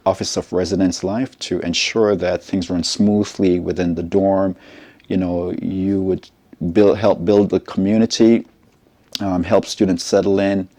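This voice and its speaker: A middle-aged man from Jamaica, a college educator giving a measured, explanatory advice talk and often checking in with his listeners. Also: sits low, warm tone. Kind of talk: informational advice talk to camera.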